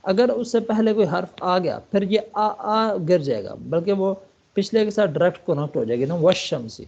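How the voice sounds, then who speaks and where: A man from Pakistan teaching an online Arabic lesson, explaining step by step and reading English lines aloud slowly, checking often that the student follows. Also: high-pitched, expressive, creaky, darkish tone, highs cut off. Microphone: online call.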